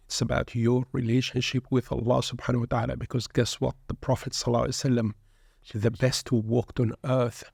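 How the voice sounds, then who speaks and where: A male shaykh, a guest on a reflective religious podcast and a pilgrimage group leader, speaks in a gravelly, level, preacherly way. His voice is mid-range and darkish on a dry mic with no echo. Born in England and raised in Sudan, he speaks Arabic as his first language and is earnest, peppering his talk with Arabic phrases.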